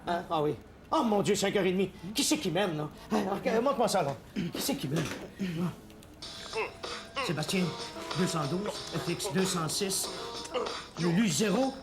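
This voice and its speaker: A man's voice: high voice, lively intonation, normal speed, long pauses, over loud music. Bumbling Quebec man stammering in a sketch. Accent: Quebec French. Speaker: sketch comedian. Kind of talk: sitcom sketch acting.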